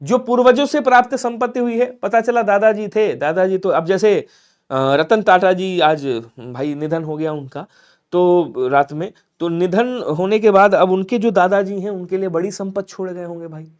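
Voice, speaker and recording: High-voiced man teaching a live class. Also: clean tone. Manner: coaxing, repetitive, quizzes viewers and urges quick answers. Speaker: Hindi grammar teacher. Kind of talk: live online exam-prep class.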